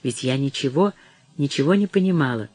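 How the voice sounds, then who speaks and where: A man's voice: medium pitch, lively intonation, brisk, a little mellow, lightly acted. A man reading an audiobook, voicing a frightened young daughter who sobs and begs her mother. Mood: pleading. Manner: pleading, sobbing. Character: terrified, sobbing teenage daughter pleading.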